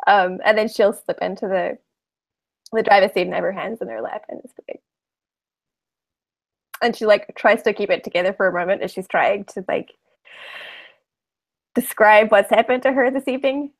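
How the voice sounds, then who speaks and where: A woman playing a tabletop roleplaying game, narrating casually and haltingly as she thinks aloud. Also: mid-range voice, creaky.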